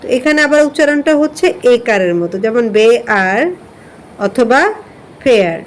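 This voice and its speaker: A woman's voice: sits high, expressive, fast, a little hiss or hum. A woman from Bangladesh teaching an online English class, patiently spelling out words and explaining their pronunciation.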